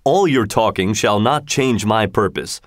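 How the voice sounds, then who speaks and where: A man voicing a fierce, vengeful male genie spirit who speaks slowly and sternly, as in a storybook reading. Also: on the low side, no echo, studio quality, close to an everyday voice. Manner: slow, stern, commanding.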